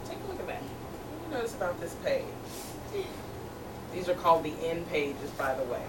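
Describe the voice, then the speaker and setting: A teacher reads a picture book aloud to second graders, encouragingly asking questions and echoing back the children's answers. Her lowish voice swings widely in pitch at a normal speed, and the room recording of the group is distant, echoey, and noisy.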